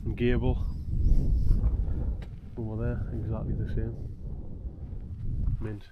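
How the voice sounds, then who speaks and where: A man's voice: on the low side, flat delivery, takes it slowly, phone-quality sound. A man chatting casually to camera as a solo camping vlogger outdoors, often half muttering to himself as he works. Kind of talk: casual outdoor vlog chat. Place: outdoors on a freezing hilltop at night. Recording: noisy outdoor handheld camera recording.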